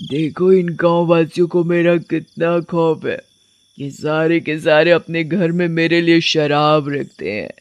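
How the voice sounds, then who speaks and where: A woman's voice: low-pitched, steady tone. A woman doing a cackling drunken witch. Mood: gloating. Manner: drawn-out chanting, cackles, shrieks in pain.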